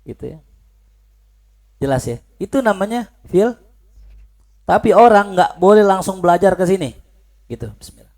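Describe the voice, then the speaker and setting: Seorang pria mengajar pelajaran agama dengan santai, dengan logat Betawi, banyak bertanya lalu menjawab sendiri. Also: male voice, sits high, moderate pace, pauses often. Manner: lively, playful, asks questions then answers them himself. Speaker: religious teacher. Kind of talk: informal religious lesson.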